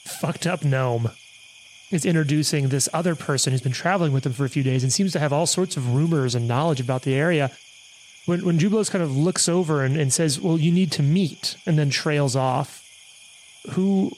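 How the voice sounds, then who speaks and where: A man narrating as game master in a tabletop role-playing podcast, talking in a relaxed, drawn-out way. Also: a little high, slight background noise, rough recording. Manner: relaxed, drawn-out, swearing casually.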